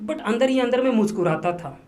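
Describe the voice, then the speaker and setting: A man in a podcast studio spins a story as the guest, piling up repeated phrases and slipping in English words as he goes. His telling is lively and emphatic, full of little restarts and asides to the host. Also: extremely high pitch, a little fast. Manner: animated, repetitive storytelling, mixing English words into Hindi. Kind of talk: casual storytelling interview.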